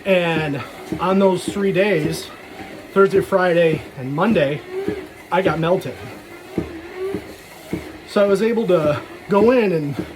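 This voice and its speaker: A man with a rather high voice speaks slowly, with long pauses, while walking and vlogging about personal matters in a loose, rambling way. He drops self-deprecating, jokey asides, and clear ambient sound with passing vehicles runs in the background.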